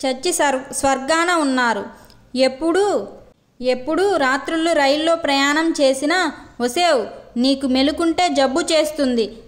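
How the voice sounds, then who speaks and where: A woman voicing a grumbling widow, slow and high. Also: close to an everyday voice. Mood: scolding. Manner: scolding, complaining.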